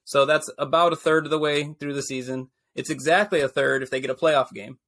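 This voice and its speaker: A man with a slightly higher voice hosts a casual sports podcast. He chats easily, teases his co-host, and keeps the show moving. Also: fairly even intonation, brisk, fairly bright tone. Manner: chatty, teasing, steers the show. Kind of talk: casual chat.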